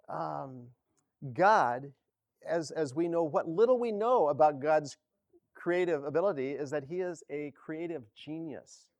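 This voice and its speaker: Pastor, male, casual halting sermon delivery, unhurried, dry close sound. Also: a little high, a little mellow, dry recording. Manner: halting, self-correcting, chuckles often.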